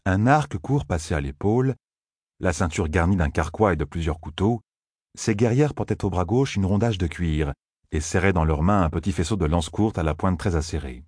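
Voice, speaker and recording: A man narrating an audiobook in a steady, measured reading voice. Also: sits low, husky, dry recording, clean studio sound.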